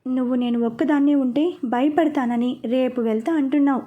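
A woman's voice: high-pitched, steady tone, brisk, phone-quality sound, close to an everyday voice. A woman voicing a sulky, playful young woman in a storybook reading, pouting and teasing.

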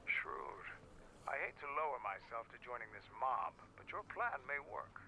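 Gravelly helmeted warrior commander. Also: male voice, medium pitch, sing-song, moderate pace, pushed and bright, slight background noise, full character voice, low-quality recording. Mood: disdainful. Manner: terse, disdainful. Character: gruff, proud helmeted male warrior commander. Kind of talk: video game acting.

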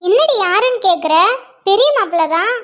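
A woman voicing a calm, matter-of-fact middle-aged mother in a cartoon, speaking lower than her girl character. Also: a little fast.

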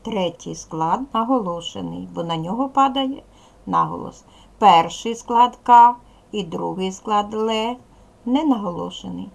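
A woman with a Ukrainian accent speaks at a medium pitch. She is a primary school teacher recording a lesson for young children, giving slow, clear instructions.

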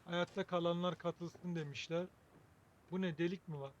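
A man with a high voice gives casual commentary on a video game as he plays. He thinks aloud in a wry, joking way, chatting to his viewers. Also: steady tone, normal speed, muffled recording, slight background noise. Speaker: gaming video host.

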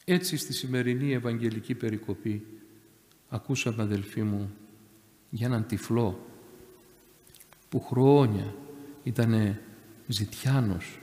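A man giving a sermon as a monastery elder, emphatic, repeating phrases and rising louder on key words. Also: medium pitch, pauses often. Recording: echoey church reverb.

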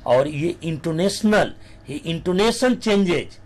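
Guy teaching a class, slow and kinda high voice. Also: animated, darkish tone. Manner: mixes Hindi with English terms, slows to dictate definitions. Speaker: lecturer. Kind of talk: lecture.

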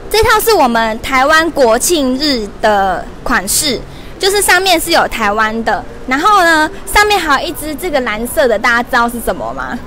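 A woman in her twenties hosting a lively livestream shopping promo in a mall store, chatty and laughing often. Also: high-pitched, moderate pace. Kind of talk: lively live-stream product promo. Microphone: wired lapel mic held in hand.

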